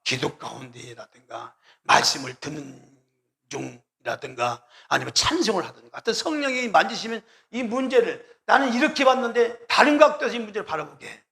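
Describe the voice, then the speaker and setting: A man's voice: high voice, big pitch swings, fairly quick, vocal fry, sharp tone. A male pastor preaching a sermon, emphatic and repetitive, often asking the congregation questions and calling out hallelujah. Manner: calls out hallelujah and addresses the listeners directly.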